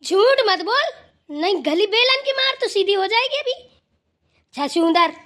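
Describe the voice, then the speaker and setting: A woman's voice: sits high, moderate pace, close to an everyday voice. A woman voicing a stern, wise old grandmother in a cartoon who scolds and lectures the family. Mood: scolding. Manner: scolding, then lecturing with advice. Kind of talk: cartoon voice acting.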